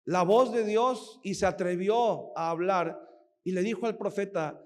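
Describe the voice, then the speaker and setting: A man's voice: high-pitched, a little slow. A man preaching a sermon, telling the story vividly and asking the audience rhetorical questions. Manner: animated storytelling, acts out quoted voices. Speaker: pastor.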